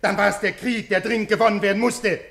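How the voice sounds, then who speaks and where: Desperate man of fifty in classic radio play; pleading, voice rising, rough edge. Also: sits high, steady tone, fast. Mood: bitter. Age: 50s. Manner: pleading, swinging from quiet to raised. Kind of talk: classic radio drama acting.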